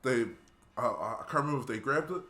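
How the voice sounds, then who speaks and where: A man's voice: mid-range voice, a little fast, sharp tone. Laid-back New Zealand man telling stories. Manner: rambling, laid-back, lots of fillers. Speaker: guest musician. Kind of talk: casual storytelling. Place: podcast studio.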